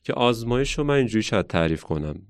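A man who works as a science educator, telling stories in a relaxed conversational way and thinking aloud as he reflects. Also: lowish voice, no echo, studio quality. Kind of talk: casual conversational storytelling.

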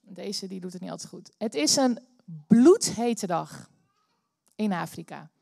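A Dutch woman preaching a sermon in church, telling a story with animated bursts of energy. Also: mid-range voice, a little slow, vocal fry, no room sound, studio quality. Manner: animated, bursts into loud cheering when acting out the story. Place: church hall.

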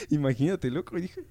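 A man's voice: on the high side, dark tone, slight background noise. A young man, co-hosting a casual chat. He talks in a teasing, blunt way and prods with questions. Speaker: podcast co-host. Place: motel room.

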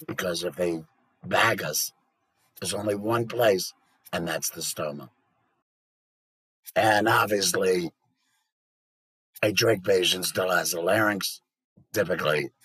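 Gurgling, husky male laryngectomy voice. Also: low voice, a bit bright, no room sound. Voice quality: gurgling, gargly laryngectomy voice made through esophagus with a valve. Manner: halting, pausing to swallow and clear mucus. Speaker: patient educator. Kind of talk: informal educational talk.

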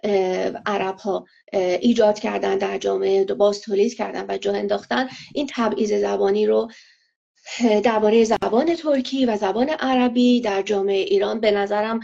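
A woman answering interview questions in a measured, analytical way, pausing often with fillers. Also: medium pitch, steady tone, creaky, warm tone. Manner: measured, hesitant, many filler pauses. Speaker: interview guest. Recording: lo-fi muffled audio.

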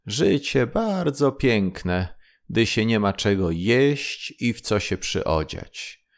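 A man's voice: on the low side, big pitch swings, slow, gravelly, heavily acted. A man voicing a poor fisherman's wife who speaks with bitter irony. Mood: mocking. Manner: ironic, scolding.

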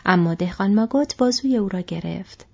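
Woman reading an audiobook, soft husky voice, kinda dull lo-fi sound. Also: mid-range voice, expressive. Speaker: audiobook narrator. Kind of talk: scripted narration.

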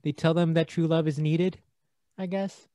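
A man's voice: fairly high pitch, little pitch movement, normal speed, mellow, dry recording. A man co-hosting a podcast, chatting casually about a movie, laughing often and trailing off mid-thought. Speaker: podcast co-host.

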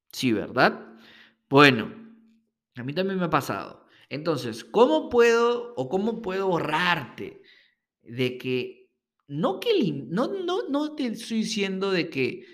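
A sales coach delivers a solo podcast on sales technique in a gravelly, somewhat high male voice. He's animated and emphatic, constantly checking in with the listener by asking "ok?"

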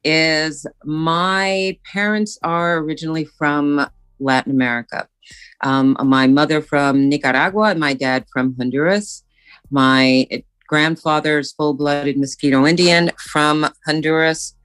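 A woman's voice: sits low, steady tone, measured pace, fairly bright tone, smooth. Woman from Brooklyn, podcast guest, candid conversational storyteller. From Brooklyn, New York.

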